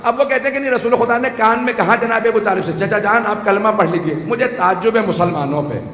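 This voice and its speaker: High, bright-voiced preacher in echoing hall. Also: male voice, fairly even intonation. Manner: rhetorical, rising to shouts, joking asides. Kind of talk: Urdu majlis sermon. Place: large hall with audience. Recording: echoey hall, faint ambience.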